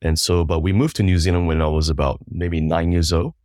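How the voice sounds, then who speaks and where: A man in his thirties from Malaysia, a worship ministry leader telling his story in a podcast interview, halting with many restarts. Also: sits low, steady tone, a little mellow, no room sound, studio quality.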